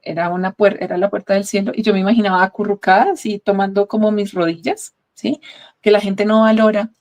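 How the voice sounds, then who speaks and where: A woman's voice: mid-range voice, flat delivery, brisk, a little mellow. Middle-aged woman, reflective and earnest interview testimony. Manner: earnest, reflective, often asks "¿sí?". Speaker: guest sharing a testimony.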